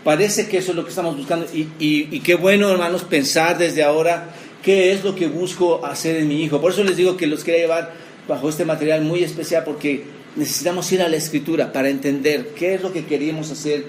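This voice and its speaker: Pastor preaching in an echoey church. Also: male voice, a little high, steady tone, fast, slight background noise. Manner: addresses the congregation as brothers, asks them questions. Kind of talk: sermon. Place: church hall.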